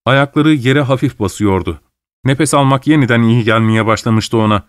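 A man narrates a classic story at an even, measured pace. His voice sits in a middle register. The recording is close and dry, with no room echo. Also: medium pitch, clean tone. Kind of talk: audiobook narration.

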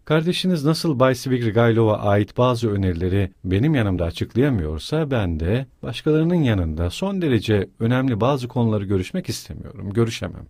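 A man's voice: medium pitch, a little mellow, no echo, studio quality. A man reading the lines of a pompous, self-important middle-aged suitor. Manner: pompous, sententious.

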